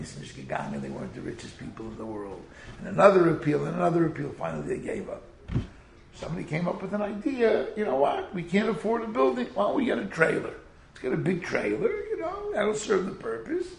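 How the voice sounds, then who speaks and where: A man preaches informally in a very gravelly, creaky voice with a Yiddish-inflected American accent. His delivery swings up and down like an animated storyteller's, with Hebrew and Yiddish words mixed in. The room around him is echoey. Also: on the high side, brisk, a little hiss or hum. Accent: Yiddish-inflected American English. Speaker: rabbi giving a Torah talk.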